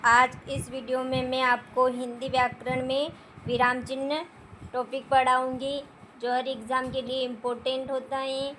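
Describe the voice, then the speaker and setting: High-voiced woman teaching grammar. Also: a bit bright, slight background noise, poor audio. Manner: repeats questions and answers to drill points. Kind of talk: Hindi grammar lesson.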